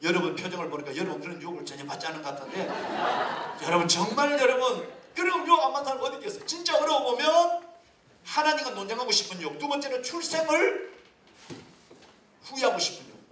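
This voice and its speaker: A man preaching a sermon as a pastor, lively and humorous, with many rhetorical questions. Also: very high voice, fast, a little hiss or hum. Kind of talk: sermon at a leaders' retreat. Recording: echoey hall from far off.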